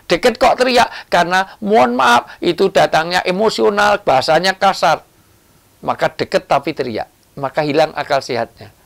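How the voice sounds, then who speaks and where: Gravelly, lively Indonesian preacher man. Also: high-pitched. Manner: lively, joking, animated delivery with sudden loud rises. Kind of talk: sermon.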